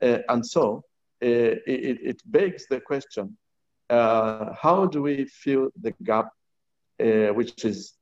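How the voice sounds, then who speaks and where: A man speaks as an executive answering at a business town hall, formal and deliberate, often repeating words as he builds his point. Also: mid-range voice, a little mellow. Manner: measured, formal, deliberate, with halting repetitions. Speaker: tourism agency chief executive. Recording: dull, lo-fi online call audio.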